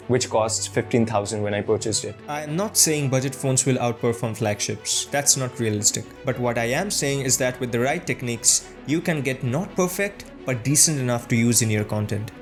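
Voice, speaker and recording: A man's voice: mid-range voice, normal speed. A man narrating a scripted tutorial as the host, giving tidy, encouraging, step-by-step advice straight to viewers. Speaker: host of a tech tutorial channel. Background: background music.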